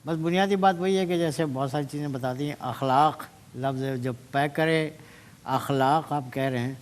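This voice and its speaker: A man, a senior judge, reflectively explaining word meanings to students and slipping into English phrases. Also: on the high side. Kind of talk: giving feedback to students. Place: TV studio.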